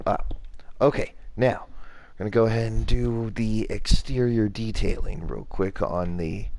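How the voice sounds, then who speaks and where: A man's voice: on the low side, darkish tone. A young man hosting his own channel, casually talking through a block-building game tutorial step by step and poking fun at himself. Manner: rambling, self-mocking, talks through each step. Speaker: channel host.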